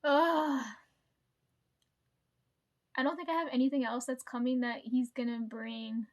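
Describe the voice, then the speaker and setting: Unhurried and steady in tone, a woman vlogger with a high, bright voice tells a winding story directly to her viewers. She's casual and loose, swearing freely, laughing often and checking in with her audience again and again.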